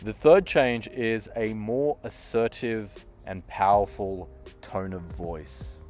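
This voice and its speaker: A low-voiced man delivering a motivational monologue as a communication coach. He talks with deliberate emphasis, ending each sentence on a flat, downward note, and he swings from punchy, loud phrases down to quiet, hushed ones. Faint music plays softly behind him. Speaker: communication coach and podcast host. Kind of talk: direct-to-camera motivational monologue.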